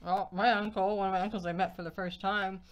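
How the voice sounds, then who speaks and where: A woman's voice: mid-range voice, level tone, fast, dull audio. A woman co-hosting a casual livestream, reading out viewer comments and laughing easily. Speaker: co-host.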